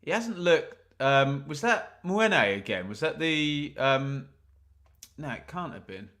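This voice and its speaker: Here an Englishman commentates live on a football game for a watch-along crowd, mixing play-by-play with jokes and side remarks to his viewers. He speaks slowly in a fairly high, slightly bright voice that swings widely in pitch.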